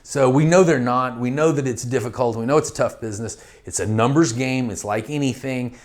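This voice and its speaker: A man's voice: mid-range voice, fairly quick, a little mellow. A middle-aged man giving a training lecture on real estate investing, talking directly and conversationally and acting out phone calls to realtors.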